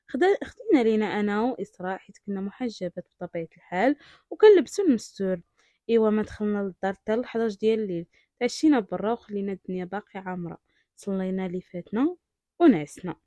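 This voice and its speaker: Fast-talking Moroccan woman storyteller. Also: mid-range voice, warm tone, no room sound. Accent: Moroccan Darija. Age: young adult. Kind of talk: first-person story narration.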